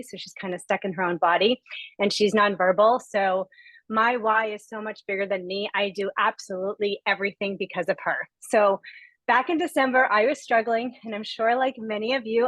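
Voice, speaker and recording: A woman's voice: mid-range voice, fairly bright tone, no room sound, rough recording. A woman from Rhode Island giving a heartfelt, gushing testimonial as a guest on a video-call webinar. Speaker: guest speaker.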